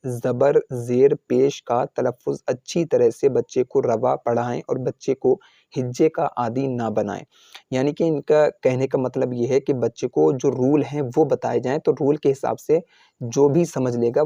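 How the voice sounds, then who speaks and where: A man teaching Quran reading, patiently sounding out letters syllable by syllable in a slow step-by-step drill. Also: mid-range voice, vocal fry, warm tone, no room sound, highs cut off.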